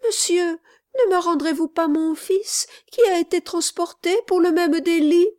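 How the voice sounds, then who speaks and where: A weeping mother in a storybook reading, her voice pushed high and shaking as she begs for her son, voiced by a woman narrator. She pleads and accuses by turns. The reading is slow and dry, close to the mic. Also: steady tone, a little mellow, no echo. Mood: desperate pleading. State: crying. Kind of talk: audiobook character reading.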